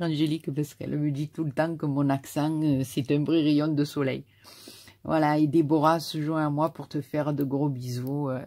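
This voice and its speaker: Gravelly effusive woman with a southern French accent. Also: low-pitched, darkish tone, no echo. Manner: effusive, repeats words and stammers. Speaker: craft YouTuber. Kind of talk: casual mail-opening video.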